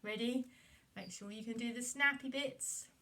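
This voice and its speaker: A woman tells a children's puppet story at a moderate pace. Her high, bright voice has an animated delivery and was recorded at some distance from the microphone.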